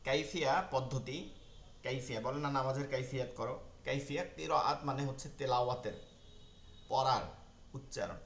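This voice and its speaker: A man teaching an online Quran reading lesson, repeating key terms slowly and checking that his learners follow. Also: mid-range voice, fairly bright tone, echoey room.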